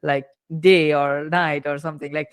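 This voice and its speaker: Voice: mid-range voice, level tone, moderate pace, clean tone, no room sound. A podcast host opening an interview, eager and rambling, with many fillers and restarts.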